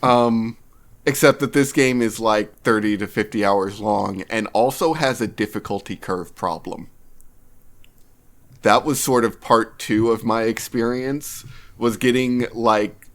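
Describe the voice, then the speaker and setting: With a fairly low voice and a measured pace, this man co-hosts a podcast, trading casual, anecdotal game talk with wry self-mockery.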